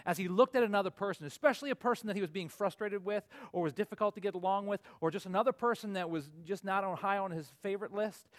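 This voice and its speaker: High-voiced pastor in his forties. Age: 40s. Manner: earnest, rising to emphatic peaks then dropping low. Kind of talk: sermon.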